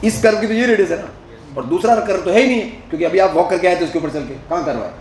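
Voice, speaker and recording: A man's voice: high voice, very fast, a little mellow, roomy sound, slight background noise, low-quality recording. A male physics teacher lecturing at a board, asking the class questions as he works through each step and mixing Hindi with English terms.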